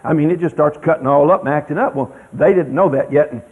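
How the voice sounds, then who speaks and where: A middle-aged man tells a folksy story to an audience in a rambling, animated drawl. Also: fairly high pitch, fast talker, breathy edge. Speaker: speaker telling a story to an audience. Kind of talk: folksy anecdote telling. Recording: tinny radio broadcast.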